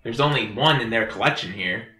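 A man chats through a movie review in quick, blunt, joking bursts. His voice is bright and forward. It carries a roomy echo with faint music behind it. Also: mid-range voice. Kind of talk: casual comedic movie review chat.

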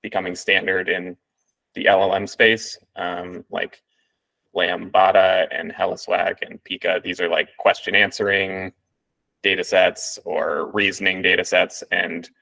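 A man's voice: deep voice, vocal fry, pushed and bright, poor audio. A man presenting a machine learning paper to a reading group, in a casual walkthrough with many ums and restarts.

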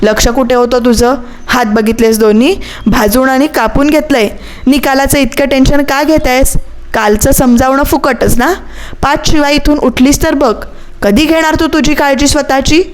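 A woman voicing a stern, protective young husband who scolds in sharp questions, read as part of an audiobook story. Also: a little high, fairly even intonation, a little slow, lightly acted. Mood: angry scolding.

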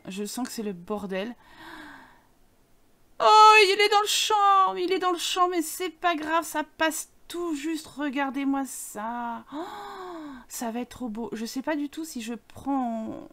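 A woman commenting casually on her life-sim gameplay, chatty and animated, often exclaiming at the screen. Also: sits high. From France. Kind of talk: casual let's play commentary.

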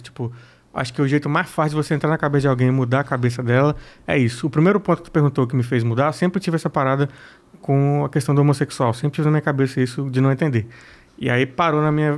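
A Brazilian-accented man talks quickly and bluntly in a casual interview, swearing freely. His storytelling is animated and keeps a mid-range pitch. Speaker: comedian guest.

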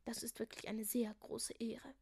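A woman's voice: a little high, little pitch movement, moderate pace, vocal fry, darkish tone, husky, dry recording, studio quality. A woman voicing a timid little inventor who murmurs shyly. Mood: humble. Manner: meek, murmuring. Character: small, timid old inventor.

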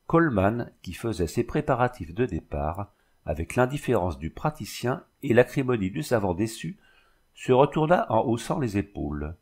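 A man reading a novel aloud as an audiobook narrator, in a measured, even way. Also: lowish voice, breathy edge. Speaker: audiobook reader.

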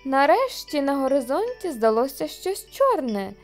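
Lively woman reading a children's story. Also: sits high, normal speed, faint music behind. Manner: lively, expressive read.

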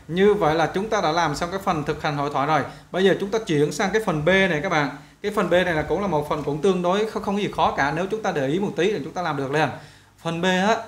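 A man teaching an English textbook lesson, explaining it in a talky way that often restarts and repeats phrases. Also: high-pitched. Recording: roomy echo.

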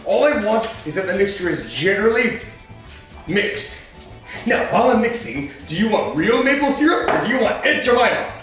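A man's voice: high-pitched, sing-song, normal speed, a bit bright. A man in a superhero costume hosting a joking cooking demonstration, chatting as he explains each step. He is recorded in a home kitchen by a far camera. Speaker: cosplay cooking host. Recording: echoey kitchen from far off, faint music.

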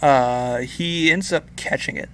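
A man's voice: on the high side, takes it slowly, noisy background. A man working as game master, narrating and voicing characters with frequent hesitations.

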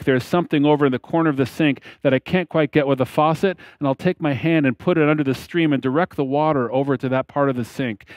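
A man in his fifties preaching a sermon from a church lectern on a headset mic, slow and deliberate, with emphatic pauses and phrase ends that fall away. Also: medium pitch, darkish tone, no room sound. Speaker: pastor. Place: church platform behind a lectern, indoors.

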